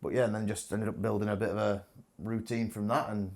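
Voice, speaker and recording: A young man with a fairly low voice talks bluntly in casual chat. He swears freely and pokes fun at himself. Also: little pitch movement, fairly quick, darkish tone. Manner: blunt, sweary, self-deprecating. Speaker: guest.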